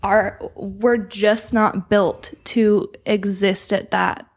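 Flat-voiced reflective woman podcaster. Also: mid-range voice, very slow, husky. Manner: reflective, earnest, with light laughs. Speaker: podcast co-host. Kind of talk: casual podcast chat.

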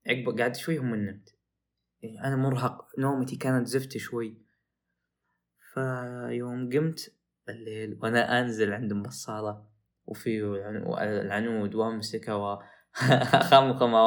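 A young man, hosting a podcast and telling a story in a casual, animated way that rises into excited outbursts. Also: medium pitch. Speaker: podcast host.

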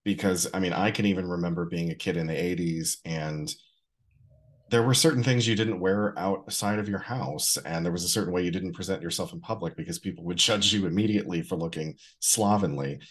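A man in his forties co-hosting a casual podcast, relaxed and wry as he shares film history. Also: low-pitched, a little fast. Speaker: podcast co-host. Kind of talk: casual chat.

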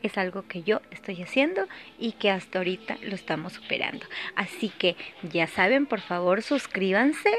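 A woman's voice: mid-range voice, very animated, normal speed, few pauses, a bit bright. A woman hosting a podcast, telling her own story in an earnest, confiding monologue full of hesitations and repeated phrases. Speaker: podcast host sharing personal story. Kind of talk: personal testimony, confiding monologue.

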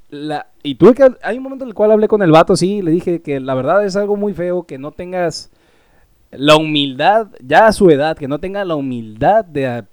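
Mexican man, high voice, slangy casual storytelling, dry close sound. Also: darkish tone, no room sound. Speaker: storyteller in a chat. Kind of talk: casual chat.

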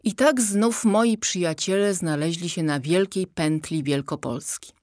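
A woman reading a children's story aloud with calm, even narration. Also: fairly low pitch, a little slow, dry recording, studio quality. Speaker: audiobook reader.

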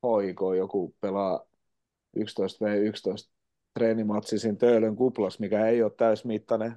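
A man's voice: on the low side, flat delivery, warm tone, dry recording. A man with a Finnish accent, a podcast co-host who referees youth football, rambling casually with restarts. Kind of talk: casual chat. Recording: dull, lo-fi sound.

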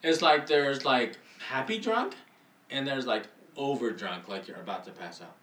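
A man's voice: mid-range voice, animated, moderate pace, fairly bright tone, echoey room, recorded from a distance, a little hiss or hum. A man, the dad of the family, acting out silly party game prompts with big goofy bits.

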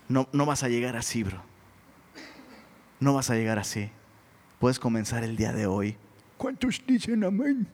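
A middle-aged Mexican man preaching a sermon in a casual, animated way, often calling listeners "bro.". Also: medium pitch. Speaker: pastor. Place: church hall. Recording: long hall reverb.

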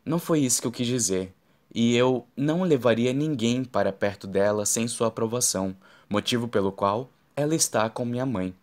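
A man's voice: medium pitch, normal speed, close to an everyday voice. A man voicing a young woman and mother in an audiobook, speaking her lines in his own plain reading voice. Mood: firm. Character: young woman, mother, first-person heroine.

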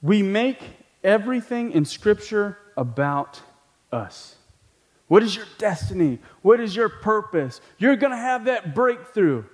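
Emphatic preaching man, fairly high voice. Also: very animated, a little slow. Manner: conversational preaching, rising to emphatic peaks and dropping low; laughs between points, asks the congregation questions. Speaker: pastor. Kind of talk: sermon.

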